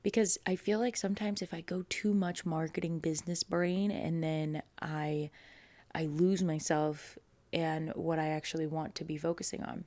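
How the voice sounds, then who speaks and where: A woman's voice: low-pitched, steady tone, moderate pace, dark tone, dry recording. A young woman hosting her own podcast, chatting casually and rambling with lots of fillers, getting emotional at times. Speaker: podcast host. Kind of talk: casual solo podcast chat.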